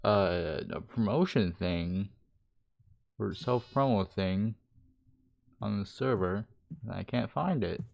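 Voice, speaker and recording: A man's voice: fairly low pitch, takes it slowly, creaky, pauses often, dull audio. A man chatting casually on a gaming livestream, talking hesitantly from inside a mask, with keyboard clicks behind him. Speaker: live streamer. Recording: noisy mic with keyboard clicks. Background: keyboard typing and clicks.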